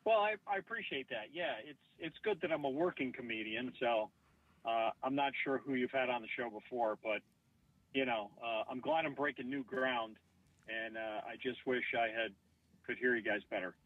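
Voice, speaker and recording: Calling into a podcast from his parked car, a stand-up comedian chats casually, cracking jokes at his own expense. His medium-pitched voice moves at a normal pace with no echo, though the phone line is muffled and lo-fi.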